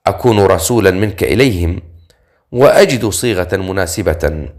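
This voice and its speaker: A man's voice: sits low, animated, normal speed, a little mellow. A man voicing a cocky young male adventurer in an audiobook, with a mocking, teasing manner.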